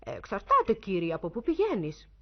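A woman voicing a soft-spoken old fisherman who talks politely and ominously. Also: medium pitch, wildly swooping pitch. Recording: muffled lo-fi recording.

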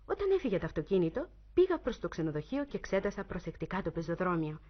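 A woman narrating a suspense story in the first person, in an expressive, dramatic reading style. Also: on the low side. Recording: muffled lo-fi recording.

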